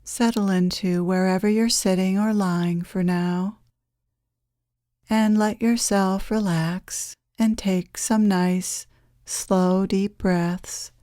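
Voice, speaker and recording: A woman who works as a meditation leader and channeler guides a meditation in a mellow, soft-edged voice with a fairly low pitch. She speaks very slowly and gently, leaving long, calming pauses, and the dry recording has little room sound and no echo.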